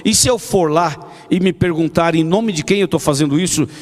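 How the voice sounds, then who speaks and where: A man's voice: a little high, normal speed, a little mellow, in a large hall, natural voice. A man voicing Moses as a reluctant man pleading with God, his questions rising, as he retells the story in a sermon. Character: reluctant Moses, adult man, making excuses.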